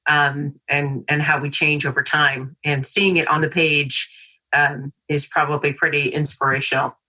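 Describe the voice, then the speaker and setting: A woman's voice: low voice, level tone, normal speed, pushed and bright. A woman hosting an interview on a video call, encouraging her guests and reading out a passage. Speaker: host.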